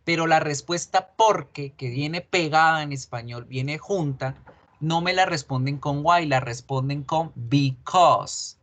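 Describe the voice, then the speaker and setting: A man teaches English over an online class, speaking slowly with a slightly raised pitch. He explains patiently step by step and stops to check that students follow. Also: a bit bright.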